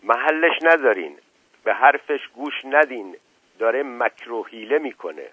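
A man voicing a frightened, suspicious village man who shouts accusations, heard on a tinny radio recording. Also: mid-range voice, lively intonation, husky, dry recording, voice pushed up. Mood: shouting.

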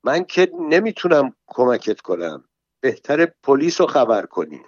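A man's voice: mid-range voice, big pitch swings, dry recording. Guy reading an audiobook, putting on a frail cranky old lady, thin weak voice, scolding and dismissive, sound's kinda dull and dry. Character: grumpy frail old woman behind a door.

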